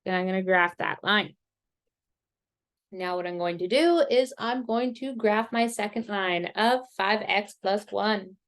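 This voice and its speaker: A woman math teacher explaining graphing step by step in a slow, patient way, with self-deprecating asides, and she has the hiccups. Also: medium pitch. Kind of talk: recorded screen-share math lesson.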